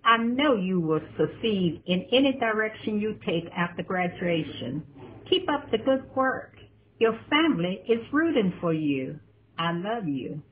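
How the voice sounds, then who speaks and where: Relative lady saying she's proud, gentle and kinda formal, phone-ish sound. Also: mid-range voice, very animated, unhurried, slight background noise. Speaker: family member. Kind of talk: heartfelt recorded video message. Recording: tinny phone-like audio.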